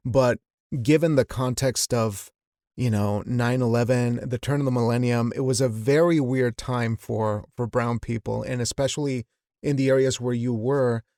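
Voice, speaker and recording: A man from Wyoming hosting an interview podcast, asking questions in a measured way and often repeating a word as he restarts. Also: mid-range voice, steady tone, no room sound, studio quality. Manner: warm, measured, repeats words when restarting. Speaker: podcast host.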